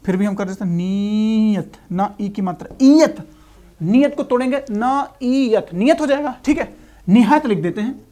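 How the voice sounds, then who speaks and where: A man's voice: high voice, animated, normal speed, dark tone. Male shorthand teacher spelling words out. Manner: spells out words syllable by syllable, repeating them; patient, explanatory, checks in with "ठीक है". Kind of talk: classroom lesson.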